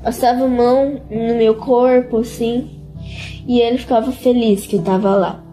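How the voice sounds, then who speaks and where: A teenage girl giving an emotional testimony in an interview, speaking earnestly and haltingly and repeating words over and over. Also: a little high, steady tone, mellow, soft background music.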